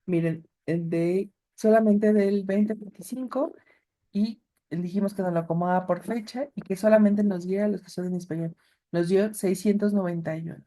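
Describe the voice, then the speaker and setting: A woman's voice: mid-range voice, fairly even intonation, moderate pace, warm tone. A woman teaching an online class, patiently walking students through a screen demonstration. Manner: patient, explanatory, direct address to students. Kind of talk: recorded class with screen demo.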